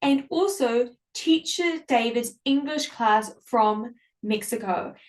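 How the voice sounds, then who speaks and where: A woman's voice: on the high side, takes it slowly. A woman hosting a live online classroom in an enthusiastic, welcoming, upbeat presenting style. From Samoa or New Zealand. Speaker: host.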